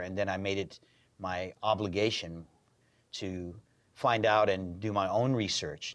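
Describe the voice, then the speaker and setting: A man's voice: low-pitched, no echo. A man in his fifties, a community activist guest, talking thoughtfully and conversationally in a TV studio interview.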